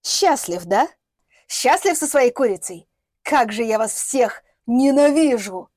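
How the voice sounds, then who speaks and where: A woman's voice: a little high, expressive, takes it slowly, darkish tone, no echo, studio quality. A woman voicing a bitter, defiant young woman who sneers and speaks vehemently, in an audiobook. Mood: furious.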